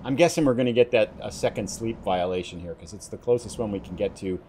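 A man with a fairly low voice talks through his gameplay in a relaxed, chatty way, thinking aloud as he goes. Faint game noise sits behind his voice. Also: quick pace. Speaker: let's play host. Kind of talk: casual gameplay commentary.

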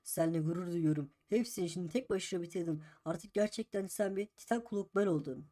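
A man voicing a proud father figure in a game role-play, speaking slowly and solemnly. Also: high-pitched, dark tone, voice pushed down, lightly acted. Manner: slow, solemn praise. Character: proud, deep-voiced male father figure.

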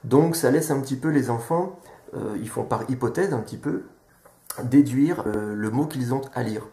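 A man calmly explaining to viewers how children learn to read, sounding out syllables one by one. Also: medium pitch, moderate pace. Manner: patient, sounds out syllables step by step. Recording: echoey room.

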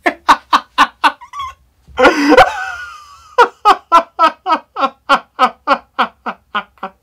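A woman's voice: very high voice, wildly swooping pitch, extremely slow, bright, forceful tone. A woman vlogger in a giggling laughing fit who keeps breaking into laughter mid-sentence as she tries to sign off. She sounds tired and keeps repeating herself. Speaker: comedy vlogger. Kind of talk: casual unscripted vlog sign-off.

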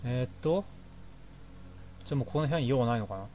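Playing through a game, a man keeps up a jokey, rambling stream of reactions as a let's play host doing casual commentary. His medium-pitched voice is animated, fast and mellow, with faint music behind it.

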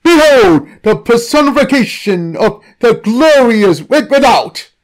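A man's voice: high-pitched, a little slow, voice pushed up. A man voicing a fawning male cult priest who chants grand praise in a storybook reading. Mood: grandiose.

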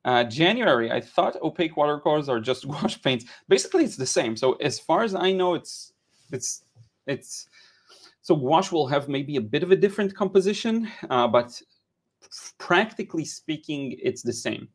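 His voice sits on the high side at an ordinary speed: a thirty-something watercolor teacher from Israel painting live on stream. He chats casually, restarting sentences, repeating words and saying "uh" often while discussing colors and responding to viewers, all through a headset mic in an indoor home studio.

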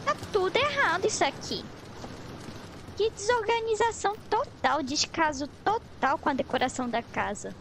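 Very high-pitched, excitable Brazilian woman streamer. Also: slight background noise. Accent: Brazilian Portuguese. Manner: excitable, dramatic, repeats words in rapid bursts. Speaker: streamer playing a horror game. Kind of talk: live gaming commentary, casual chat.

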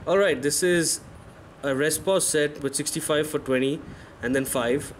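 At a normal speed and a slightly high pitch, this man in his thirties talks candidly over footage of his own workout, often fixing what he's just said. A fitness vlogger, he recorded the voice-over outside the gym pictured, and a little hiss or hum can be heard.

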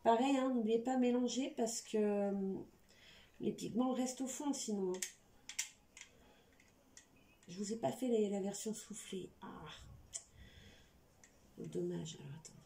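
A woman hosts an informal craft tutorial with a slight lisp that softens her s sounds. Her pitch is average for a woman, and she keeps up a chatty running commentary. The recording is echoey, with faint noise in the room. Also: unhurried, long pauses. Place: indoor room at a craft table.

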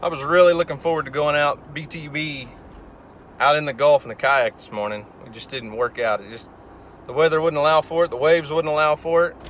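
A man's voice: on the high side, steady tone, fairly quick, a bit bright. A man in his thirties, vlogging about fishing, talking upbeat and chatty to a camera at arm's length on a windy beach. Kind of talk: casual outdoor vlog. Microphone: handheld camera at arm's length.

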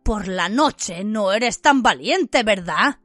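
A woman's voice: very high voice, expressive, unhurried, bright, forceful tone, dry recording, clean studio sound, faint music behind, voice pushed up, heavily acted. A woman voicing a taunting bully teen boy. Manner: taunting, then wailing in a mocking whine. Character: bullying teenage boy cousin, boastful and cowardly. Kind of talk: audiobook character voice.

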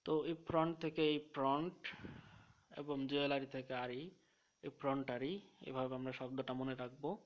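A man teaching English vocabulary through memory tricks, listing synonyms one by one in a methodical way and slowing down to read example sentences. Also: medium pitch, fairly even intonation. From Bangladesh. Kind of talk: explaining English vocabulary with mnemonics. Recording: dull lo-fi recording.

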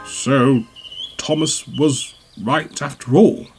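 A man's voice: mid-range voice, steady tone, takes it slowly, slightly rough. A man voicing a pompous, huffy big male express engine. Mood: ashamed. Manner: huffy, self-important. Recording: music bed behind.

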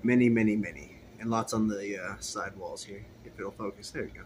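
A man's voice: lowish voice, fairly quick, noisy background. A man casually walking through his fish room, filming on a handheld phone and chatting in an easygoing, rambling way. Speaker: aquarium hobbyist vlogger. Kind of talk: casual tank walkthrough. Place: indoor fish room with rows of tanks. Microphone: handheld phone camera.

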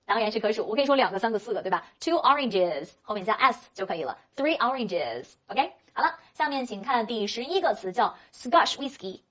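A woman's voice: on the high side, expressive, fairly bright tone. Woman teaching English vocabulary. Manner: slow, drawn-out model pronunciations of English words; rhetorical questions to the learner, then answers them. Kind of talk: vocabulary lesson explaining words and pronunciation.

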